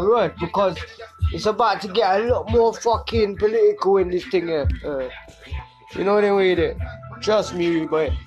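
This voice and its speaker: High-voiced south London man talking street slang. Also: poor audio. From Brixton, south London. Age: middle-aged. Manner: heavy street slang, frequent tag questions, swearing. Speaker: podcast host. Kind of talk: casual solo podcast talk. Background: music.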